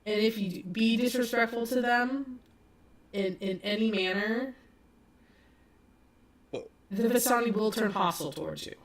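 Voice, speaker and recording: A woman narrating as game master of a tabletop horror game, slow and halting with many restarts. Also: a little high.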